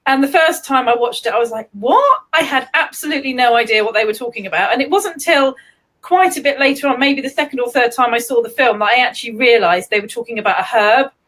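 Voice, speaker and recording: Giggly high-voiced English woman host. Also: quick pace, a bit bright. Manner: giggly, chatty, laughs often. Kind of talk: casual live-stream chat.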